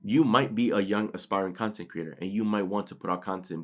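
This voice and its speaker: A young motivational YouTuber with a New York accent speaks off the cuff from his bedroom, keeping it casual. He often tacks on "right?" and stutters now and then, while low music plays in the background.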